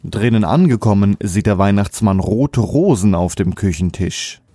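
A man narrating a comic fairy tale in calm scripted storytelling. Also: fairly low pitch, normal speed, dry recording.

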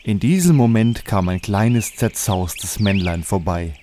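A man's voice: fairly low pitch, animated, a little slow, very noisy. A man narrating a comic fairy-tale radio play in a storytelling manner.

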